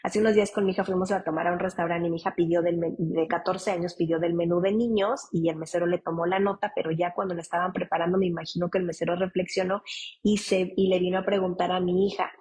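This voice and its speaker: A woman's voice: lowish voice, steady tone, fast. A woman in her thirties, a psychologist and mother, answering parents' questions in a conversational way, often restarting her sentences. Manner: conversational, warm advice with frequent restarts. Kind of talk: live Q&A with parents.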